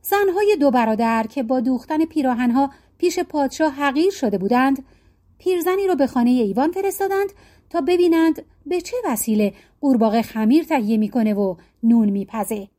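A woman reading folk tales aloud as a storyteller, with an expressive, lilting delivery. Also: sits high. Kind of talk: storybook narration.

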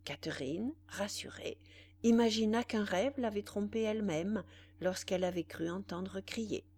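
A woman narrating a classic novel for an audiobook in a slow, expressive, dramatic way. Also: medium pitch.

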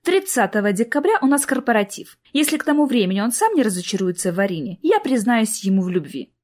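Woman reading young woman in love, earnest, hesitant, soft, plaintive, high-ish voice. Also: very animated, fast talker.

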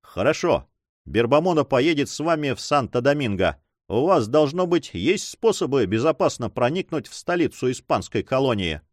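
A man's voice: medium pitch, sing-song, normal speed, no room sound, studio quality, voice pushed up, close to an everyday voice. A man voicing a stern, commanding but magnanimous older nobleman, speaking solemnly in an audiobook.

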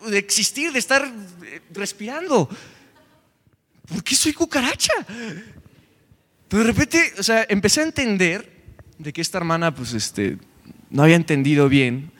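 A young Mexican man preaching a lively youth sermon, joking as he retells scripture. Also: sits high. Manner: animated, joking, retells scripture in quoted voices. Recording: long hall reverb.

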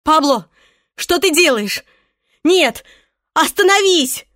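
A frightened young woman cries out in alarm in an audiobook, played by a woman narrator. Her voice rises high when she screams, and the recording is dry and close. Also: slow pace, darkish tone, husky, no echo. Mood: screaming. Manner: crying out in alarm.

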